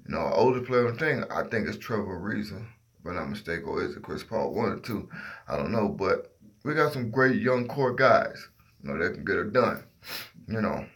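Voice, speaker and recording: A man with a fairly low voice talks casually through his sports opinions on a livestream. He sounds drowsy and half asleep. His train of thought slips, so he gropes for words as he goes. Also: expressive, a little fast, a bit bright. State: sleepy, half asleep after working all night.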